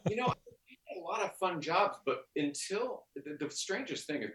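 A man's voice: high-pitched, big pitch swings, moderate pace, a bit bright. A man in his forties, a podcast guest, talking loosely and jokingly. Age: 40s. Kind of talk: casual podcast chat. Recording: echoey room.

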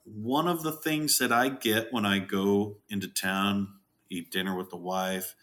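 Jokey low-voiced man with a bright tone. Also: unhurried. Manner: jokey, animated, acts out quotes with big pitch jumps. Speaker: farm owner, podcast guest. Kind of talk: casual interview chat.

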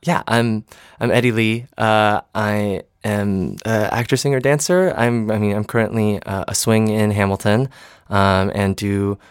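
Young man from Michigan, fairly low voice, dry close sound, casual interview guest, halting with lots of ums. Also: steady tone, clear, resonant tone, no room sound. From Michigan, United States. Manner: hesitant, many fillers and restarts. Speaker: interview guest, stage actor and singer.

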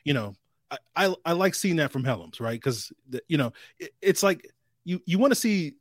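Measured man, dry-sounding podcast co-host. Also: on the high side, animated, dry recording. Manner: measured, thinking aloud with restarts. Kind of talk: casual sports podcast chat.

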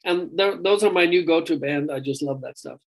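A man's voice: a little high, brisk, rough recording. Chatty rambling male singer guest. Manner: chatty, rambling, says "dude" a lot. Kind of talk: casual chat.

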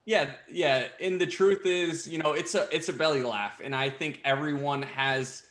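A man's voice: on the high side, steady tone, normal speed, fairly bright tone. A young man, a baseball player, chatting casually in an interview and breaking into laughter often. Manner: laughs often while talking. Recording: roomy echo.

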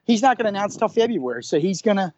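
A man's voice: high voice, sing-song, quick pace, darkish tone. A man reporting on college football recruiting in casual podcast chat, rambling and correcting himself as he goes. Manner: rambling, self-correcting, many restarts. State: hiccups.

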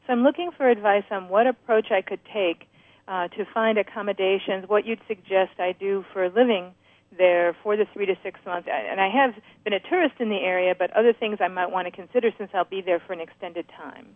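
A woman's voice: mid-range voice, fairly quick, no room sound. A woman calling in to a radio show over a clipped phone line, asking a question with some hesitation. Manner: hesitant, asks a long question. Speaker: caller. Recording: tinny phone line, dry.

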